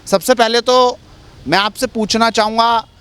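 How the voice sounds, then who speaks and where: High-voiced male news interviewer. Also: fairly even intonation, measured pace, fairly bright tone, clean tone. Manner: pointed, probing questions. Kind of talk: interviewing a guest.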